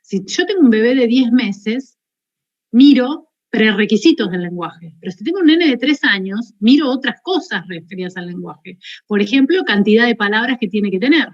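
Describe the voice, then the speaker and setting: A woman's voice: on the high side, expressive, moderate pace, lo-fi sound. A woman with an Argentine accent giving a university lecture, explaining step by step and checking in with her listeners. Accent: Argentine Spanish. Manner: explanatory, peppers points with questioning "¿sí?".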